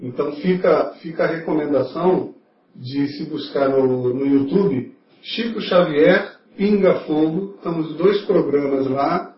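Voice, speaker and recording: A man hosts a podcast, addressing listeners casually with pauses and fillers. He sounds set back from the microphone in an echoey room, the audio dull with faint background noise. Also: on the high side. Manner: hesitant, with fillers and restarts, recommending warmly. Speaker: podcast host. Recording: roomy, distant, dull mic with faint noise.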